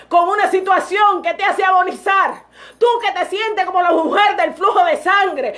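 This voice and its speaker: A woman's voice: extremely high pitch, bright, forceful tone. A woman preaching a sermon, fervent and breaking into exclamations of praise between phrases.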